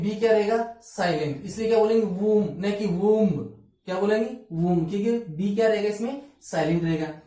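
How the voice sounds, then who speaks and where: Woman teacher, phonetics drill, mellow voice, self-answering questions, distant mic in an echoey room. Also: mid-range voice. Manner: asks questions and answers them herself, spells letters out. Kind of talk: phonetics lesson.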